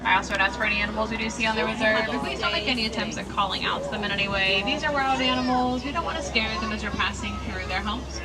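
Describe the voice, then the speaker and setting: Lady safari guide doing her tour spiel, highish voice, really noisy truck. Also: fast talker, hardly any pauses. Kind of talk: scripted tour narration. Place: open safari truck, outdoors. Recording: distant vehicle speaker, loud engine noise. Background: vehicle noise.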